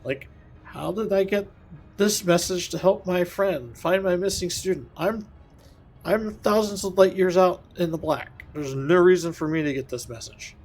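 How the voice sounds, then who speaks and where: A man's voice: high-pitched, moderate pace, darkish tone. Rambling male gamer thinking aloud. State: has the hiccups. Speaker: streamer. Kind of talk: casual gameplay commentary.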